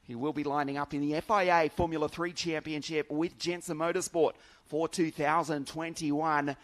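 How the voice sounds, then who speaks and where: Excited guy calling a race live, slightly high voice, chatty. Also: moderate pace. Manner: enthusiastic, chatty, laughs easily. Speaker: lead race commentator. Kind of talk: live motorsport commentary.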